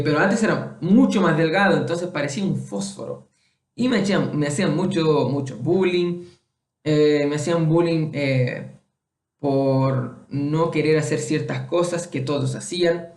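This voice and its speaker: Slow, patient male Spanish teacher. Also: on the high side, vocal fry, darkish tone, echoey room. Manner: patient, repeats and checks in with the listener. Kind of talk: casual online Spanish lesson for Portuguese speakers.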